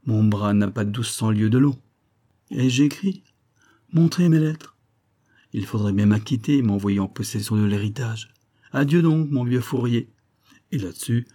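A man's voice: medium pitch, dark tone, lightly acted. A man voicing a cynical male criminal who coolly reasons his way toward a murder for an inheritance, in an audiobook. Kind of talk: audiobook character voice.

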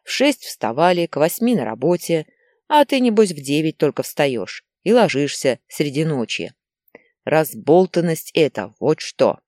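A woman's voice: low-pitched, sing-song, measured pace, a little mellow, dry recording, studio quality. A woman voicing a pompous older man who lectures and scolds the young, read in an audiobook story. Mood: lecturing. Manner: moralizing, scolding.

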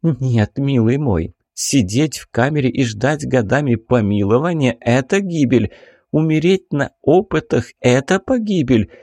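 A man reading an audiobook, voicing a headstrong, passionate young baroness with imperious, drawn-out exclamations. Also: medium pitch, animated, a little mellow, no room sound, clean studio sound, voice pushed up. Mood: defiant.

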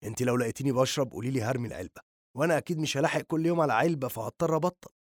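A man voicing a joking teenage boy who smokes, with an Egyptian accent, speaking low and quietly in an audiobook reading. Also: fast talker, slightly rough, no room sound, clean studio sound. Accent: Egyptian Arabic.

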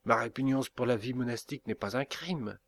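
A man reading a classic novel aloud as a first-person narrator, in a measured, dramatic way. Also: mid-range voice, gravelly, fairly bright tone. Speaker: audiobook reader. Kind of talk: literary audiobook narration.

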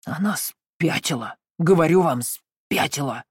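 A reader voicing a stout, furious old uncle who growls and wheezes his words out slowly in an audiobook. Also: mid-range voice, lively intonation, no room sound, clean studio sound. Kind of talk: audiobook reading.

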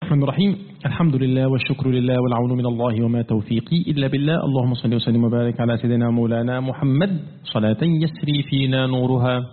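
A man teaching a Quran commentary class, lively, asking his students questions and answering them himself, and chanting verses slowly. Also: medium pitch, slight background noise. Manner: recites verses in a slow chant. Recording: tinny phone-like line with long reverb.

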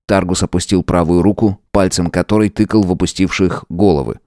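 Мужчина с очень низким голосом ровно и размеренно читает аудиокнигу. Запись сухая, без отзвука помещения. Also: male voice, sits low, no room sound, clean studio sound. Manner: steady, measured reading. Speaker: audiobook narrator. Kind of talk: scripted narration.

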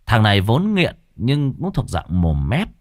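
A man's voice: on the low side, huge pitch swings, unhurried, no echo, studio quality. A man telling a ghost story, dramatic and vivid with earthy humor.

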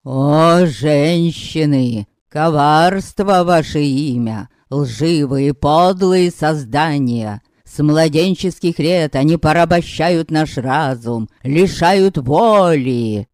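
A man voicing a pompous male orator who declaims slowly and grandly in a storybook reading. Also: fairly high pitch, a little mellow, no echo, clean studio sound. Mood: thundering. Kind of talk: audiobook character voice.

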